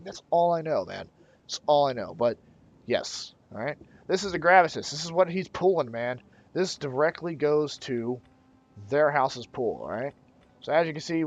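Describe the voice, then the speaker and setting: A man hosting a casual game tutorial in a loose, slangy way, thinking aloud with restarts and checking questions. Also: medium pitch. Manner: loose, slangy, keeps saying "man" and "bro". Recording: dull lo-fi recording.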